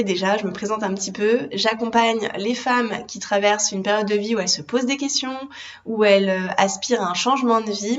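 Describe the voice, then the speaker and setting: A woman in her thirties with a French accent, a coach for women, speaking gently and reflectively to the camera, with frequent hesitations. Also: mid-range voice. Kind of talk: personal confiding talk to camera. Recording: slightly dull lo-fi sound.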